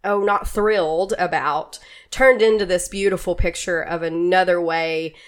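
A woman guest on a podcast, talking earnestly and warmly about a mission trip, with small restarts. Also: lowish voice, steady tone, measured pace. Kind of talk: casual podcast chat.

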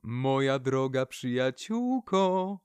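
A man voicing a chatty, practical old female birch tree in a storybook, high and exclaiming. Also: big pitch swings, takes it slowly, smooth, no room sound. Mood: chatty complaining. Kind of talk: storybook character voice.

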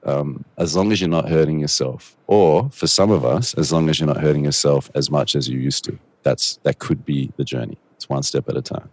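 A middle-aged man with a rumbling low, darkish voice answers as a guest, talking fairly quickly with few pauses. His reflective replies ramble thoughtfully, soothing in tone but with dramatic bursts.

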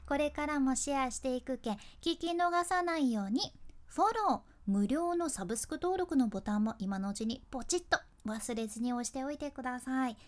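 Bright, high-pitched young woman coach, Kyushu dialect, playful and self-deprecating. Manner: chatty, laughs often, self-teasing. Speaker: speaking coach, freelance announcer. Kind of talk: casual instructional talk.

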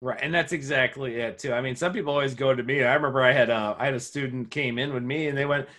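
A man talking quickly and casually on a podcast about his teaching. He rambles through classroom anecdotes, restarting sentences and acting out what students said. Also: a bit bright. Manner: rambling storyteller, acts out quoted students with a high voice. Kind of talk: casual conversation.

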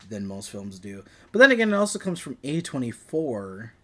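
A man talking casually about films as a podcast co-host, often halting as he searches for details. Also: medium pitch, sing-song, pushed and bright. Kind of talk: casual film discussion.

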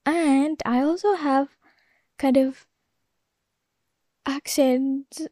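A native Indonesian speaker with an Indonesian accent hosts a casual solo podcast, rambling and hesitant with plenty of fillers. Her medium-pitched voice is creaky and mellow, recorded dry with studio quality.

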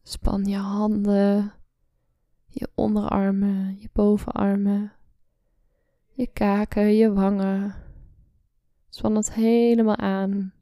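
A woman guiding a relaxation meditation, speaking slowly and softly, often in a whisper, close to the mic. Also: mid-range voice, little pitch movement, no room sound. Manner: slow soft-spoken, often whispering. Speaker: meditation guide.

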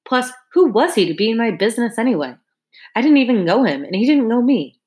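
A woman's voice: fairly high pitch, very animated, fairly quick, darkish tone. A woman reading a first-person audiobook narration in a casual, wry, conversational way.

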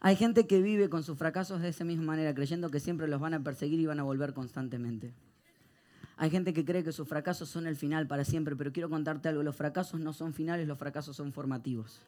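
A male pastor delivers a sermon before a live congregation, his slightly high voice alternating between quiet reflection and loud, animated storytelling.

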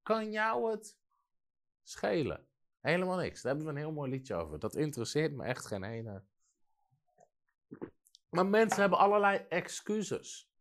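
A man's voice: a little high, normal speed, pauses often. A man preaching a sermon in a studio, telling stories and acting out the voices of the people in them. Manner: lively storytelling, acts out quoted voices.

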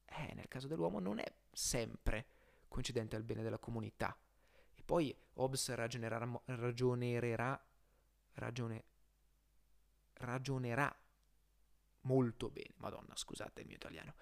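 A man gives an informal spoken lesson in the manner of a podcast host. His delivery is halting, with stretched words and frequent self-corrections as he works through each explanation. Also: mid-range voice, darkish tone. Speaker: host of a philosophy podcast series.

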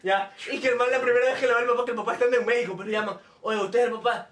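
Fast-talking young man telling stories. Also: extremely high pitch, roomy sound, distant mic, a little hiss or hum. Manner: animated storytelling, slips into quoted voices. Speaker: podcast host. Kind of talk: casual comedic chat.

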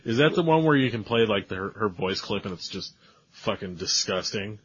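A man's voice: lowish voice, lively intonation, a little fast, a bit bright, husky, no echo. A man co-hosting a podcast in laid-back casual chat, often briefly agreeing. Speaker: podcast co-host. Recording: slightly dull, lo-fi sound.

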